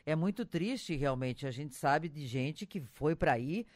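A man with a Brazilian Portuguese accent hosting an interview, speaking in an expressive, emphatic, conversational way. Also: fairly high pitch, unhurried, dry recording, studio quality. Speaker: interviewer, host.

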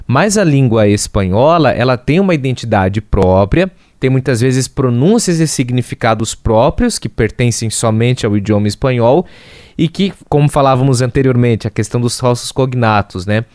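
Brazilian male host, mid-pitched, close dry sound, thoughtful and halting delivery. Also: darkish tone, no echo. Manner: reflective, searching for words. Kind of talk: interview talk.

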